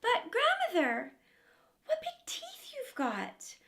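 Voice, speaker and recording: A sweet, innocent little storybook girl, played by a woman. Her voice sits high and lilts up and down with great animation. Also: huge pitch swings, slow, sharp tone, full character voice. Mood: puzzled.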